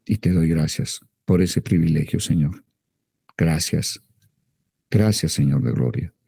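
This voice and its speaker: Colombian male pastor, very deep gravelly voice, fervent led prayer, slow chanting. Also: expressive, dark tone, dry recording, clean studio sound. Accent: Colombian Spanish. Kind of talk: led prayer and speaking in tongues.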